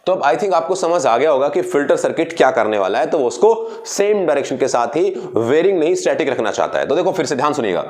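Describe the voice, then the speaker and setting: A man's voice: on the high side, sing-song, fast, few pauses, darkish tone. A man teaching a physics lesson to students, asking and answering his own questions and repeating key words as he explains. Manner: addresses students directly, mixing in English phrases. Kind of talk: classroom physics lecture.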